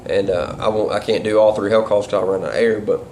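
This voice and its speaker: A duck calling instructor and caller talks fast in a casual instructional vlog, rambling in a folksy way with colloquial grammar. His voice sits on the low side, steady and darkish, and background noise is clearly audible.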